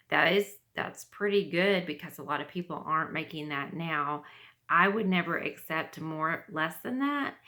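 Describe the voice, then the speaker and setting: A woman's voice: deep voice, sharp tone. A middle-aged woman, short of breath, giving casual instructional talk as a yoga teacher.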